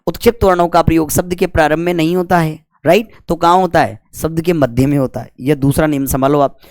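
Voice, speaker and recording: Dry-voiced Hindi grammar teacher quizzing himself. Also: male voice, a little high, steady tone, fast talker, dry recording. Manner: asks and answers his own questions, scolding and joking with students. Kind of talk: classroom lecture.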